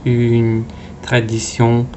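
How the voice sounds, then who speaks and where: A man from Russia with a Russian accent, a native Russian speaker, narrating a travel vlog in halting, careful phrases. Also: mid-range voice, monotone, dark tone, slight background noise. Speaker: travel vlogger. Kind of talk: scripted vlog narration in French. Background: music.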